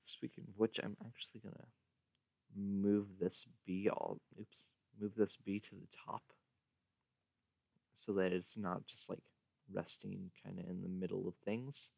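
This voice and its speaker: A man's voice: fairly low pitch, creaky, no room sound, studio quality. A young man hosting a casual livestream, rambling and correcting himself as he works on a graph. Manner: rambling, self-correcting, with fillers and soft laughs. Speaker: livestream host.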